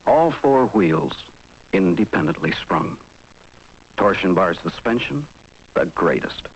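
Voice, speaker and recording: A man's voice: deep voice, lively intonation, slow, slightly rough, exaggerated voice. A man playing an assured car salesman in a vintage commercial, clipped and conversational. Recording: dull, muffled old commercial.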